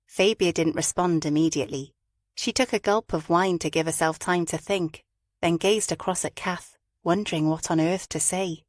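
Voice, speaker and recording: A woman reading an audiobook novel in a measured, even storytelling manner. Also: on the low side, no room sound, studio quality. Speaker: audiobook narrator. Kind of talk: scripted audiobook narration.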